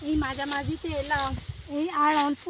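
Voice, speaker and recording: A woman's voice: high voice, little pitch movement, moderate pace, background noise. Young woman vlogging from a rice field. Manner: chatty, talks straight to viewers while working. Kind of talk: casual vlog narration. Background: faint rural outdoor ambience, birds.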